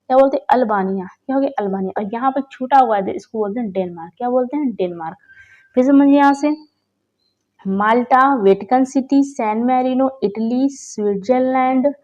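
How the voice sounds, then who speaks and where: A young woman from India teaches an exam-prep lesson in a fairly high voice. She drills her students by asking a question and then repeating each name herself. The sound is a little dull and lo-fi. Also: dark tone. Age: young adult. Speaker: exam tutor. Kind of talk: Hindi map lesson, drilling names.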